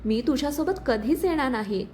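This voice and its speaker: A woman voicing a calm, gentle but firm young heroine in a story reading. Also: high voice, fairly quick, a little hiss or hum.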